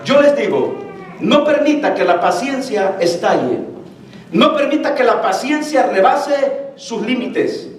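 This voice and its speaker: Pastor, male, animated sermon delivery; recorded from afar in a big reverberant hall. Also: very high voice, measured pace, a little hiss or hum. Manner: animated preaching, addresses congregation as brothers. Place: church sanctuary. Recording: echoey church hall from far off.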